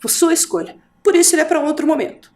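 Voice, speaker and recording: A woman's voice: high voice, fairly even intonation, quick pace, a little mellow. A Brazilian woman teacher giving a recorded video lesson for adults. She talks in a sing-song way, stretches out words to show rhymes, and keeps checking in with "certo?" and "ok?". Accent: Brazilian Portuguese.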